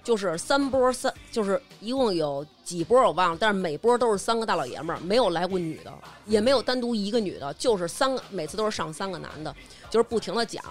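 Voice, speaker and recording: A woman with a Beijing accent telling a personal story in casual chat. She is animated and repeats herself as she goes. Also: mid-range voice, quick pace, faint music behind. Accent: Beijing Mandarin.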